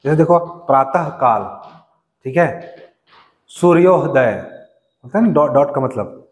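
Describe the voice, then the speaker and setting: A man's voice: a little high, a little slow. A male teacher giving a classroom lecture, explaining step by step, asking the class questions and answering them himself. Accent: Chhattisgarh Hindi. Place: coaching classroom. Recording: long reverb.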